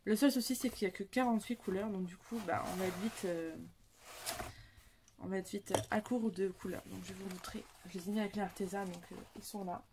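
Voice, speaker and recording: A woman's voice: mid-range voice, a little fast, background noise. A young woman, chatting casually about her coloring supplies, rambling with many fillers and restarts. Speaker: coloring hobby vlogger. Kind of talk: casual chat showing supplies.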